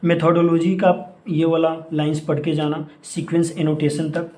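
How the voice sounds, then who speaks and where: A young man runs a casual exam-prep lesson and keeps repeating what must be read. His voice sits a little high and sounds mellow rather than bright. The room around him rings with echo. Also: monotone, normal speed, slight background noise. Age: young adult. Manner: repetitive, urgent instructions; mixes English phrases into Hindi speech. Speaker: exam coaching teacher. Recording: echoey room.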